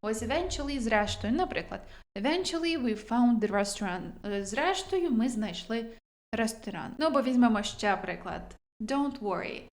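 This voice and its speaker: A woman's voice: on the high side, expressive. Chatty Ukrainian woman teaching English. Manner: chatty, self-deprecating, reads English examples slowly. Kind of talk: vocabulary lesson.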